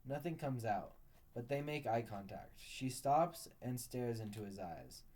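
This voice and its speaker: Male storyteller, warm low-brightness tone, steady read-aloud delivery. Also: a little slow. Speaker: narrator.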